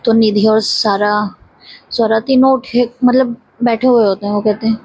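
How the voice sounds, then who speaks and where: A woman's voice: fairly high pitch, fairly even intonation, moderate pace, a little mellow, husky, rough recording. A woman casually recapping the plot of a series, chatty and loose, linking every line with "so she says". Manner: chatty, strings the story together with repeated "so she says". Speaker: storyteller recapping a web series. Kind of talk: casual spoken story recap.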